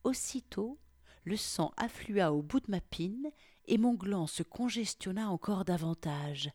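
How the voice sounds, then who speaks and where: A woman narrating an erotic story in a slow, hushed voice that keeps slipping into whispers. Her voice sits low and unhurried. The recording is close and completely dry. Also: no echo.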